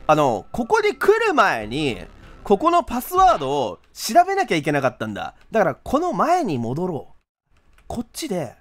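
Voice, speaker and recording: A man giving animated let's-play commentary in rough, casual speech, often laughing. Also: high voice, normal speed. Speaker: game streamer.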